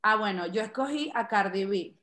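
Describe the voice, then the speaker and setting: A woman's voice: medium pitch, animated, moderate pace, fairly bright tone, echoey room, slight background noise. A woman from Venezuela with a Venezuelan Spanish accent, performing a playful, self-mocking stand-up comedy set.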